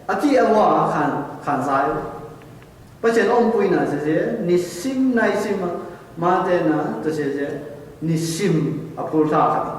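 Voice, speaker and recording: A man preaching a sermon as a pastor in a church, speaking slowly and deliberately. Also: high-pitched, slight background noise. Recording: echoey church hall, distant mic.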